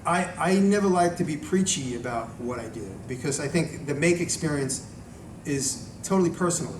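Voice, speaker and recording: A man's voice: fairly high pitch, expressive, normal speed. A man speaking informally to a live audience as a video maker, in a rambling, conversational way that often doubles back on itself. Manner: conversational, rambling, self-interrupting. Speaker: video maker giving a talk and taking audience questions. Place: echoey room at a live event. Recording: echoey room, distant mic, noisy background.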